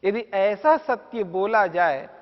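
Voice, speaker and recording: A man with a high voice teaches scripture at an unhurried, deliberate pace, stressing each point and repeating Sanskrit verses. The recording is dull and lo-fi, and his words trail off into a long hall reverb. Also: animated. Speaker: religious teacher. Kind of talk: spiritual discourse.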